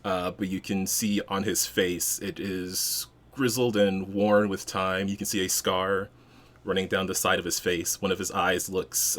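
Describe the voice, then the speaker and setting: Male game master with a lowish voice, improvising descriptive narration, somewhat hesitant. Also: a bit bright.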